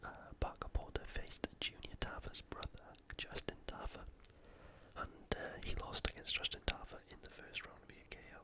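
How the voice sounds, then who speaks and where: This ASMR host's sports preview is analytical, informal, and a little hesitant, delivered at a moderate pace in an unvoiced, breathy whisper.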